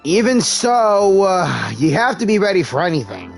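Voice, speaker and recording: Over game music, this streamer narrates his let's-play at a moderate pace in a high, sing-song, creaky voice. His commentary is hammy and playful, full of role-played responses and stuttered asides.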